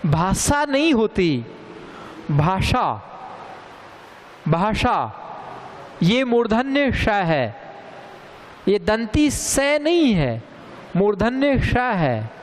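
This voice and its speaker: A man giving a pronunciation lesson at a slow, careful pace, repeating words to drive home the correct form. His voice sits fairly high and moves a lot. The sound carries a long reverb with faint background noise. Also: very animated. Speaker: teacher. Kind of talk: Hindi grammar lesson.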